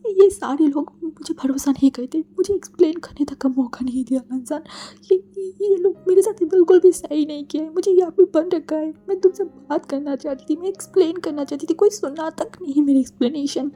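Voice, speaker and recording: A woman voicing a distraught young man in a storybook retelling, pleading loudly through tears. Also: flat delivery, quick pace, creaky, few pauses, slightly rough, full character voice. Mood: tearful pleading. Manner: high, loud, tearful pleading.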